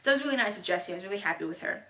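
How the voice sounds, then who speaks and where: Bubbly young woman, bright echoey vlog. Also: mid-range voice, animated, very fast. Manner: bubbly, rambling, many fillers and restarts. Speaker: vlogger recapping a TV episode. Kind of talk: casual chatty recap. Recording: echoey room.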